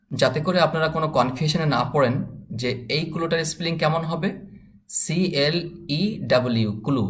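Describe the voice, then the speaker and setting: A man from Bangladesh teaching English phonics, spelling out letters slowly and then saying each word. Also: a little high. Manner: slow, spells out letters then says words. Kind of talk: spoken phonics lesson.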